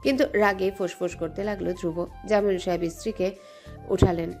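Brief: female narrator, mellow warm tone, steady dramatic storytelling. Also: medium pitch, brisk, faint music behind.

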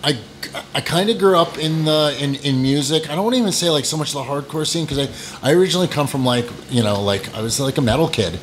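A middle-aged New Englander from the United States guests on a casual podcast, rambling through stories with self-deprecating jokes and plenty of restarts. His man's voice is on the high side, fast and lively in intonation, with a little hiss or hum in the recording.

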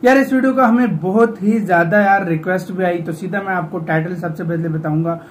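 A man from Pakistan co-hosts a reaction video in a relaxed, chatty way. His voice sits high and he bursts into quick exclamations. A faint hiss runs under the recording. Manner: excitable, exclaims often. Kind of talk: casual reaction chat.

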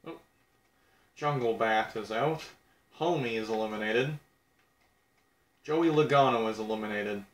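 A man's voice: lowish voice, a little slow, long pauses, reverberant. A young man casually commenting on a video game, blunt and crude, mocking himself as he reads out who is eliminated.

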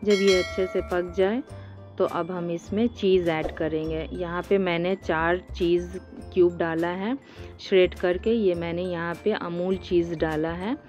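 A woman hosting a cooking channel, calmly talking through a recipe step by step in a voice-over, with small hesitations. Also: on the low side, a little slow, highs cut off, faint music behind. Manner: calm step-by-step instruction with hesitations.

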